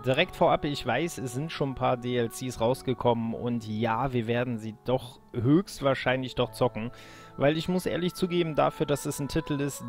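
Game music plays behind this man as he gives relaxed, friendly commentary on a video game, speaking to his audience as pals. He has a medium-pitched voice with a somewhat dark tone.

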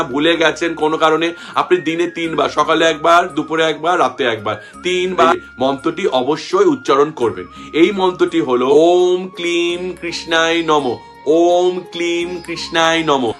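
A man's voice: a little high, fairly bright tone. A man hosting a ritual-advice channel, giving repetitive, emphatic step-by-step instructions to viewers.

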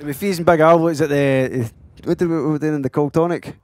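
Scottish man, slightly high voice, dry close mic, casual interjections. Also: fairly even intonation, fast talker, a little mellow, no room sound. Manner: chimes in with short agreements. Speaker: rapper guest. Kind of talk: casual chat.

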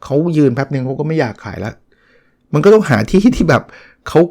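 A middle-aged man hosting a solo podcast, talking through a book in a relaxed, conversational way with frequent restarts and polite particles. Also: fairly high pitch, brisk. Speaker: podcast host reviewing a book. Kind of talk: casual solo talk.

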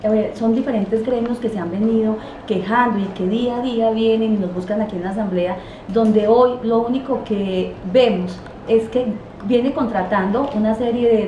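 A woman's voice: mid-range voice, warm tone, lo-fi sound. A woman, a regional deputy answering interview questions emphatically and indignantly, in a small office. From Quindío, Colombia. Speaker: departmental assembly deputy. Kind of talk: interview answers, political criticism. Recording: roomy office with clear noise.

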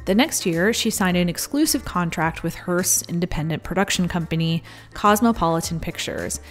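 A woman hosting a scripted video essay, talking it through conversationally with wry asides. Her voice sits low for a woman, and soft music plays underneath. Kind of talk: scripted narration.

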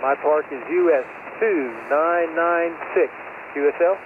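A man comes through a ham radio speaker, trading call signs and signal reports in clipped, formal phrases. His voice sits fairly high and is squeezed into a thin, phone-like band. Loud static hiss runs under every word. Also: a little slow. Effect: heard over a ham radio speaker. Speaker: amateur radio operator at another park. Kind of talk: brief radio contact exchange.

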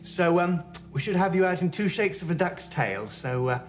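An actor playing a polite, eager young spaceship officer with a hesitant, apologetic manner, in a television science fiction drama. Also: male voice, sits high, expressive, normal speed, faint music behind. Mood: earnest, awkward. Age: young adult.

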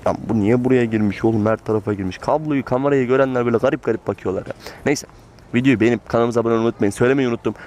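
A Turkish motorcyclist records a chatty vlog outdoors as he rides through town, his mid-range voice darkish in tone and racing along. He talks informally from within his helmet, wandering off and interrupting himself, over clear engine and road noise.

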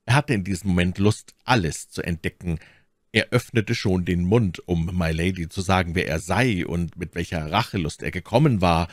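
Man, deep low voice, calm measured audiobook narration, dry close sound. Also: no room sound. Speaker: audiobook reader.

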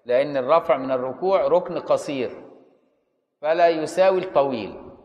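A man's voice: fairly high pitch, moderate pace, long reverb tail, dull audio. A man with an Egyptian accent teaching Islamic jurisprudence in a conversational lecture, often stopping to ask the students if they follow. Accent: Egyptian Arabic.

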